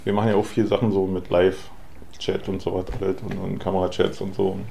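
A man's voice: deep voice, flat delivery, fairly quick, gravelly, noisy background. A man, co-hosting a casual podcast, agreeing constantly and cracking dry, crude jokes. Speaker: podcast co-host. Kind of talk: casual chat.

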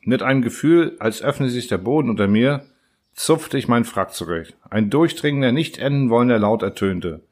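A man's voice: mid-range voice, lively intonation, a little mellow. Man narrating a first-person audiobook. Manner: measured, first-person storytelling. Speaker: audiobook reader. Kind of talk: scripted narration.

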